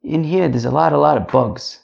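A man's voice: fairly high pitch, brisk, gravelly, darkish tone, muffled recording. A man teaching an informal religious lesson to a class, chatty, repeating phrases and checking in with rhetorical questions. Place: indoors.

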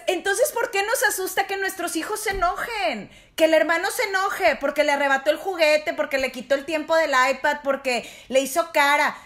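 Woman, middle-aged, high voice, parenting guest on a chat show. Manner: warm, explanatory, addresses parents directly. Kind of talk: casual advice talk.

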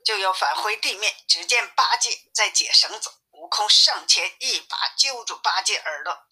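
A woman reading a classic story aloud in a lively manner, shifting her voice for each character. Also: medium pitch, moderate pace, breathy edge. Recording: tinny phone-like sound.

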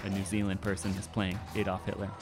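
Dude cohosting a film podcast, stumbly chatty delivery, easy laughs. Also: male voice, deep voice, monotone, loud music behind the voice. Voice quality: halting, lots of fillers and restarts, laughs easily. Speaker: podcast co-host. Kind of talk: casual movie-review chat.

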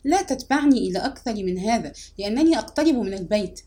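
A curt, impatient young woman brushing off a suitor, as a woman reads her. Her voice sits fairly high and sounds warm and dark. She speaks in short, annoyed lines, as in an audiobook. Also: lively intonation, fast talker, close to an everyday voice. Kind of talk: audiobook reading.

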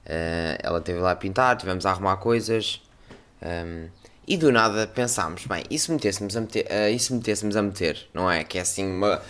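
Young Portuguese man telling a story. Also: lowish voice. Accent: European Portuguese. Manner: animated storytelling, acting out other voices with loud outbursts. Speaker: podcast host. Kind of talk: casual storytelling.

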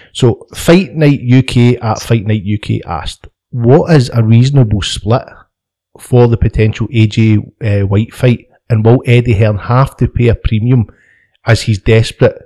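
A man's voice: on the low side, dark tone. Laughing man hosting a podcast. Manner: laughs often, stumbling restarts, swears freely. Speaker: podcast host. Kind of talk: casual chat.

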